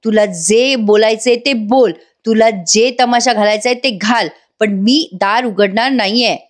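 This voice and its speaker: A woman voicing a scheming, sharp-tongued young female villain in a serial recap, with a mocking, taunting manner. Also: a little high, fairly even intonation, unhurried, natural voice.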